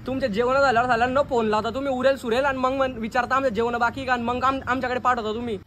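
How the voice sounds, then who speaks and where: A man's voice: extremely high pitch, steady tone, very fast, fairly bright tone, a little hiss or hum. A man with a Khandeshi Marathi accent acting in a comedy sketch, arguing confrontationally with a neighbour. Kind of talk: comic neighbour quarrel sketch.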